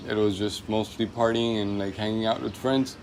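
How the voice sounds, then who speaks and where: A man in his twenties who grew up in Pakistan, speaking in a documentary interview in an easygoing way, often pausing with fillers. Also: fairly low pitch, fairly even intonation, darkish tone, slight background noise. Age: 20s. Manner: easygoing, hesitant with many fillers.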